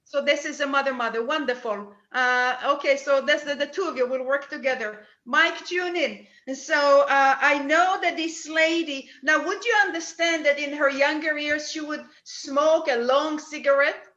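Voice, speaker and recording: High, bright-voiced woman medium. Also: echoey room, lo-fi sound. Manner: halting, with many restarts and fillers. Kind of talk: spirit mediumship demonstration.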